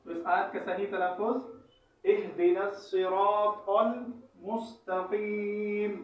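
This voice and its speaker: High-voiced man teaching, echoey and distant. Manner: spells out syllables slowly and repeats for students to follow. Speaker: Quran recitation teacher. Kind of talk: teaching lesson. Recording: echoey, distant, dull sound.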